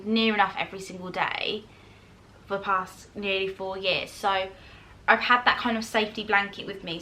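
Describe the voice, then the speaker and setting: Bright-voiced chatty young woman. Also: mid-range voice, a little hiss or hum. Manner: quick, rambling, many fillers and restarts; chatty and self-reassuring, laughs often. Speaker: vlogger. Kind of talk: casual Q&A chat while eating.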